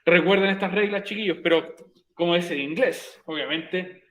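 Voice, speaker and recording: A man's voice: sits high, moderate pace, fairly bright tone, echoey room, low-quality recording. A male English teacher with a Chilean Spanish accent, patiently explaining comparatives to his class and repeating key words. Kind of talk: recorded virtual class, explaining grammar in Spanish.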